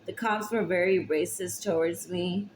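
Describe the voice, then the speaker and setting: A young woman talking to camera about her hardships, emotional and tearful, halting with long pauses. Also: fairly low pitch, steady tone, slight background noise, poor audio. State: tearful, recently crying. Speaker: vlogger. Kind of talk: personal confessional talk to camera.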